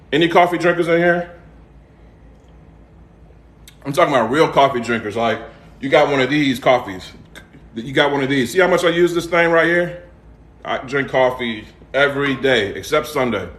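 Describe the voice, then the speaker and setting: A man with a Southern US accent chats casually as the host of a home cooking livestream. His voice sits at a medium pitch, and he talks in a folksy way, repeating points and checking in with little tag questions. The sound is noticeably echoey, as from a room. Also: fairly bright tone. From United States, raised in Atlanta. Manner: folksy, repeats himself and tags phrases with "okay?" and "all right?". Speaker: home cook and seasoning seller hosting a livestream.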